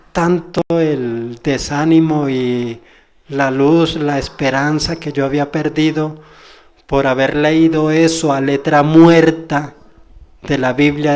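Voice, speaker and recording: A man's voice: on the high side, clear, resonant tone. A man telling a personal spiritual story in a rambling, folksy way, correcting himself as he goes. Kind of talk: spoken personal testimony.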